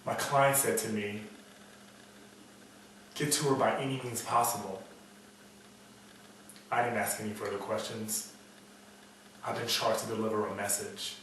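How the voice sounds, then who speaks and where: A man's voice: lowish voice, fairly even intonation, unhurried, pauses often, a bit bright. A man playing a cynical, world-weary private investigator, muttering a bleak noir monologue in a brooding storytelling manner. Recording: echoey room, distant mic, faint noise.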